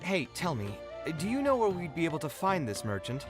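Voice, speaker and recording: Kaveh, an earnest architect. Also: male voice, a little high, wildly swooping pitch, brisk, over music. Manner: earnest, principled. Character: earnest young male architect. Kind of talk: game voice acting.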